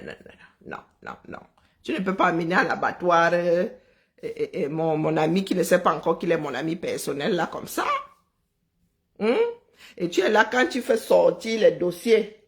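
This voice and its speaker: A woman hosting a live stream, talking in an animated, sarcastic, chatty way. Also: mid-range voice. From Cameroon. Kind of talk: casual live commentary.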